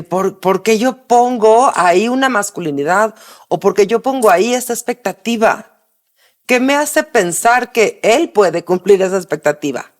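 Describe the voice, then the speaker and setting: A woman, co-hosting a podcast and making her points emphatically. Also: medium pitch. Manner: emphatic, argumentative. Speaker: podcast co-host. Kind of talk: conversational podcast.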